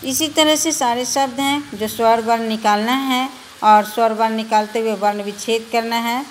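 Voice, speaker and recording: A woman's voice: fairly high pitch, fairly even intonation, normal speed, a little hiss or hum. Patient woman teacher spelling out letters. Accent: Bihari Hindi. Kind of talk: recorded classroom lesson for children.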